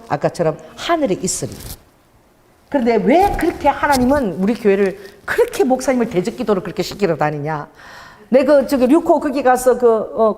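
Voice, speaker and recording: A woman pastor preaching a sermon, telling a story with lively quoted voices. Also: medium pitch, long reverb tail.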